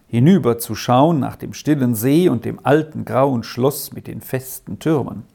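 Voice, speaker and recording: A narrator reading a story aloud as an audiobook, with expressive storytelling. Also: mid-range voice, creaky.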